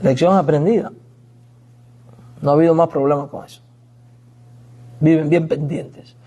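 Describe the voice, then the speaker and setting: Husky Latin pastor preaching with stories. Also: male voice, fairly high pitch, steady tone, measured pace, warm tone. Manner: storytelling preacher, acts out quoted pleas. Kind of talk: sermon.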